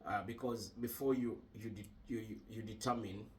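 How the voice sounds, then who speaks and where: A man from Uganda co-hosting a casual podcast chat, measured and thoughtful with frequent hesitations. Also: fairly low pitch, steady tone, darkish tone, distant mic, a little hiss or hum. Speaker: podcast co-host.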